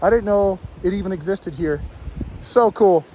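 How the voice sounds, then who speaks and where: A man in his thirties with a fairly high voice, talking casually as he rides trails, a bit winded and stuffy from a cold. He rambles loosely with plenty of fillers. Faint outdoor noise and a motorcycle engine sit under his helmet-mic voice. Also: normal speed, dark tone. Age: 30s. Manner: laid-back, rambling, with fillers. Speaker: motorcycle vlogger. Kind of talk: casual vlog narration while riding. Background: motorcycle engine, outdoor ambience.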